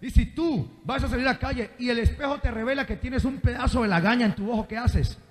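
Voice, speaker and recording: High-voiced preacher quizzing his flock. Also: fast. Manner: quizzes the congregation with call-and-response questions. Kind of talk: sermon. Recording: reverberant hall.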